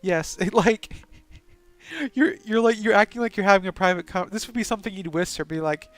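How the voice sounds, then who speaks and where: A man's voice: sits high, fairly quick, fairly bright tone, dry recording. A man hosting a let's play with casual, joking commentary and a stuffy nose, reading game dialogue aloud.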